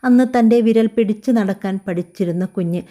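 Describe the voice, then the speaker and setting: A woman narrating a scripted family story in a calm, even, unhurried way. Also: mid-range voice.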